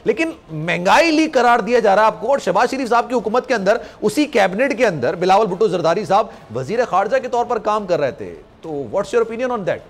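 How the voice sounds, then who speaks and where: A man hosting a political talk show, asking brisk, pointed questions. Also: high-pitched. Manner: brisk, leading questions with frequent affirmations. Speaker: news talk show host.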